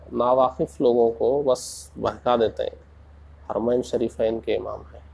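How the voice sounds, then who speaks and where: A man preaching in a slow, deliberate way, asking rhetorical questions and rising into passionate emphasis. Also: medium pitch, creaky, warm tone, breathy edge. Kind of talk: Urdu sermon.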